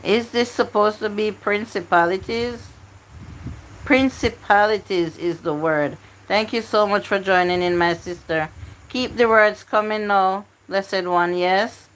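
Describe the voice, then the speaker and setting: This is a woman running a word game on her live stream. She talks slowly, with a mid-range voice, and coaxes and pleads with her viewers to type in their answers. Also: medium pitch, slight background noise, rough recording.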